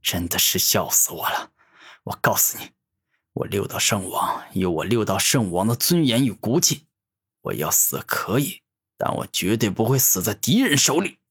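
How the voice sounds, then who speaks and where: A man's voice: fairly low pitch, sing-song, normal speed, husky, dry recording, studio quality, full character voice. A man doing a proud furious villain. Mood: defiant. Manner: angry, defiant shouting.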